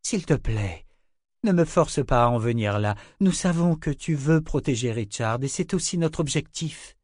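A man's voice: medium pitch, animated, moderate pace, darkish tone, dry recording, clean studio sound, pitched above the performer's own voice, lightly acted. Man voicing a commanding sorceress. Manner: commanding, urgent. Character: fierce determined sorceress, young woman.

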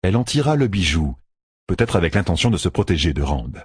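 A male narrator reads a novel aloud with measured expression. His voice is low and husky, moving widely in pitch. The recording is dry and close. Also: sing-song, no echo. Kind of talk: audiobook narration.

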